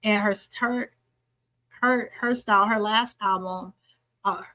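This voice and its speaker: An animated woman co-hosts a hip-hop podcast, talking in an emphatic, casual way and circling back over her words. Her mid-pitched voice sounds dry and close, with no room echo. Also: slow. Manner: animated, emphatic, repeats herself. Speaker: podcast co-host. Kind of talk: casual chat.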